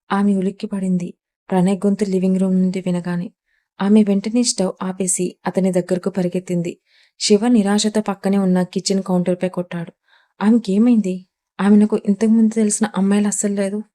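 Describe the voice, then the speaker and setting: A woman storyteller reading a dramatic audio story in steady, even scripted narration. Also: mid-range voice.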